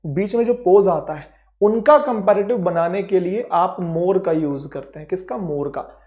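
A man's voice: high-pitched, warm tone, highs cut off. A man teaching an English grammar lesson for exam prep, talking conversationally, acting out students' questions and checking that the class follows.

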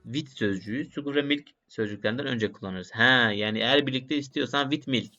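A man's voice: mid-range voice, a little fast, sharp tone. Man muttering through a study session. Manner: repeats phrases aloud, mutters to himself while studying. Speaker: language learner vlogger. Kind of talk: casual think-aloud study vlog. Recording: dull lo-fi sound with faint music.

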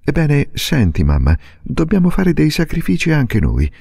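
A resolute young girl's voice, pitched high and swinging through wide, lively rises as she pleads and insists, put on by a man reading a storybook. The tone stays husky and gravelly underneath, with a dark, mellow color. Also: normal speed, dry recording, studio quality, full character voice. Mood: earnest pleading. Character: earnest, determined young girl, older sister.

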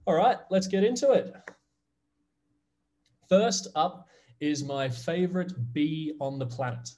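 His voice is a little high with a dark tone. He's a guest presenter, an Australian-accented man in his thirties from Australia, delivering a friendly and upbeat online class to kids by video call.

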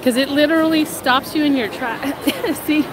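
A vlog host with a high voice chats casually on a live stream at a moderate pace, laughing often as she walks through a crowded theme park holding her phone camera. She's getting over a cold, so she sounds a little nasal, and loud crowd chatter and park music make the background noisy.

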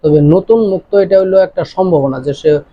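A man from Bangladesh giving his opinion in an interview, speaking in a measured, deliberate way with pauses and restarts. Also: sits high. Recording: dull lo-fi recording.

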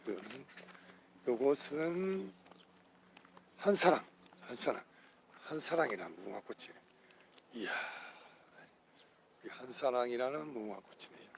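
A man's voice: mid-range voice, lively intonation, a little slow, creaky, long pauses, a little hiss or hum. An older man walks through an outdoor flower garden, calling out the name of each flower in turn and urging his viewers on with hearty patriotic appeals. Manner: exclaims over each flower, repeating names. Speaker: channel host. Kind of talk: outdoor walking vlog.

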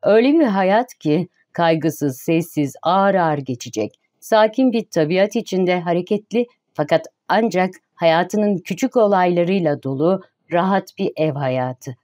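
A woman narrates a novel for an audiobook in a calm, even reading style. Her voice sits low, with a warm, mellow tone. The reading is steady and unhurried. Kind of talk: scripted narration.

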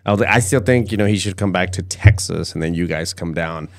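A man's voice: low-pitched, a little fast, gravelly. A man in his forties hosting a casual livestream on a close studio mic, often repeating words and phrases. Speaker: host of a livestream show. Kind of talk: casual livestream chat and sign-off. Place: acoustically padded studio, indoors. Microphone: close podcast microphone.

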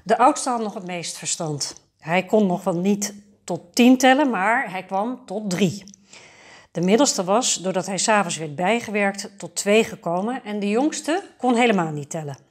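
Calm woman reading a fairy tale. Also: mid-range voice, normal speed. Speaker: storyteller. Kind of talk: storybook reading for adults.

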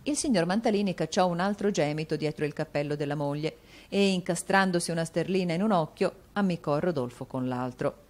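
A woman reading a novel aloud as an audiobook narrator, steady and measured. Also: sits low. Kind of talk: scripted narration.

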